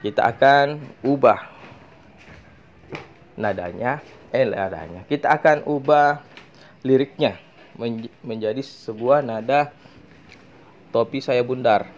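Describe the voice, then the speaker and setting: A man teaching a religion lesson to children, talking slowly and carefully. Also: medium pitch, lo-fi sound. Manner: slow and deliberate, addressing children. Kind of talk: classroom lesson with singing.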